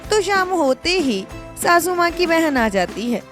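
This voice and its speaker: A woman narrating a cartoon story in a plain, even storytelling voice. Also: extremely high pitch, unhurried, soft background music.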